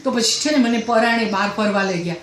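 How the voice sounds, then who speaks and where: A chatty, breathless housewife, played by a woman, who repeats herself while griping about her in-laws. Her voice sits a little high. The recording is roomy and echoey, with a faint hiss underneath. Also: fairly quick, natural voice. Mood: gossipy. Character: gossipy middle-aged housewife complaining about in-laws. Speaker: comedian. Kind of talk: comic character monologue.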